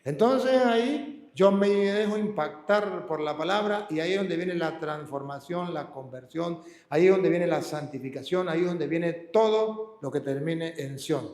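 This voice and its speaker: A man preaching as a priest, emphatic and then slowing to a calm hush on key words. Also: a little high, roomy sound. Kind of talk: sermon teaching scripture reading.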